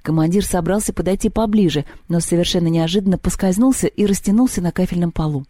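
A woman calmly narrating a children's storybook. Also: lowish voice, fast talker, no echo. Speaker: audiobook reader.

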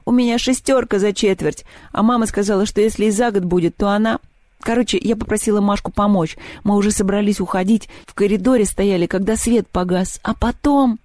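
A man plays a gloomy schoolgirl in a storybook, lifted a little higher than his own voice. She talks in glum, hesitant bursts, and the recording is mellow and dry. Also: fairly even intonation, a little fast, dry recording, natural voice. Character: gloomy, worried schoolgirl with bad grades.

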